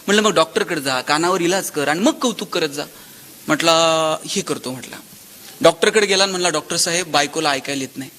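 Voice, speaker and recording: Guy giving a motivational talk, high bright voice, acts out his stories, loud then soft. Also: fast talker. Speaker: motivational speaker. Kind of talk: public lecture with storytelling.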